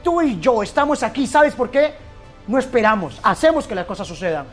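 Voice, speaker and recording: A man giving an impassioned motivational speech, swinging between loud bursts and hushed, intense lines. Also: very high-pitched, sing-song, fairly quick, soft background music. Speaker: motivational speaker.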